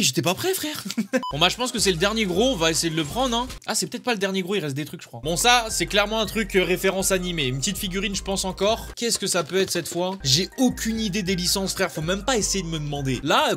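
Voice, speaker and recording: Excitable young man with a high voice. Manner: excitable and jokey, loud exclamations, slangy. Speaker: YouTuber. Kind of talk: casual unboxing chat.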